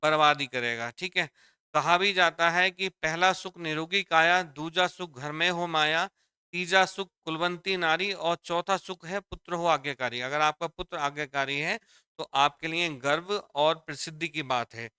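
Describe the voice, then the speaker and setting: Male Hindi teacher, fairly high, bright and crisp voice, dry close sound; explains patiently and repeats each point. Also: normal speed, no room sound. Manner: explains step by step, repeats lines, addresses students as dear children. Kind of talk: exam-prep grammar lesson.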